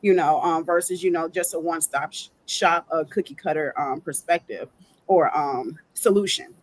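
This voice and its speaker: A woman panel guest on a video call, speaking haltingly with many fillers. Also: deep voice, low-quality recording. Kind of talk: casual panel talk.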